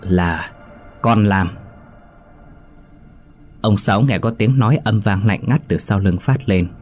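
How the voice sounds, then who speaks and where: Deep-voiced man narrating a ghost story. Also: normal speed, darkish tone, soft background music. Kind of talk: scripted horror story narration.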